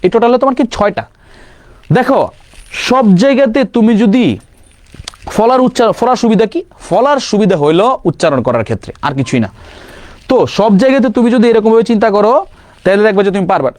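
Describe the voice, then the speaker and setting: Young male tutor, high-pitched, dry recording; quizzes and answers himself in a loose, chatty class. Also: lively intonation, a little mellow, no room sound. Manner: quizzing with rapid questions and self-answers; mixes English words into casual lecture. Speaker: grammar teacher. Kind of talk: online exam-prep lesson.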